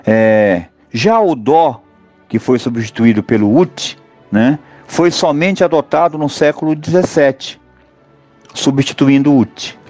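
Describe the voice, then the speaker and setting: A Brazilian man teaching an online music seminar, talking in a halting way with many fillers and tag questions. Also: mid-range voice, a little mellow, no room sound. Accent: Brazilian Portuguese.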